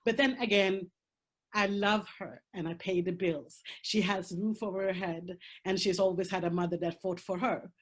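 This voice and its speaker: Joining a panel by video call, a woman from Sweden speaks English with a Swedish accent in a mid-range, fairly even voice at a moderate pace. Her talk is frank and conversational; she curses for emphasis and laughs through hard subjects.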